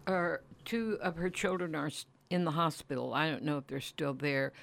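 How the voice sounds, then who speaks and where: A woman co-host giving community announcements in a plain, measured read-out, item by item. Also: fairly low pitch, clear, resonant tone, no echo.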